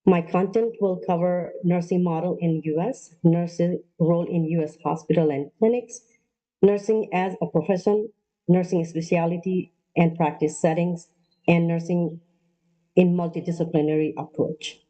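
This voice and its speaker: A woman from Nepal giving an online lecture as a nurse practitioner, pausing often with ums and uhs. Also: on the low side, steady tone, mellow, dull audio. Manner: halting, many ums and uhs. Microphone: video call.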